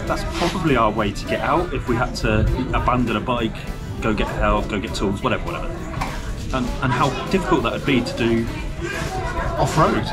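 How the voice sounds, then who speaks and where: A man's voice: medium pitch, lively intonation, fairly quick. A man, chatting casually to camera in a blokey, colloquial way as a vlog host. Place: garage, fast-food restaurant and outdoor trail. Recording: music behind the voice.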